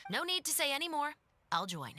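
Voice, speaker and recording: A calm principled captain. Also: female voice, high voice, a little hiss or hum, exaggerated voice. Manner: calm, measured, matter-of-fact. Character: steady, principled female security captain, adult. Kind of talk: game cutscene voice acting. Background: soft music.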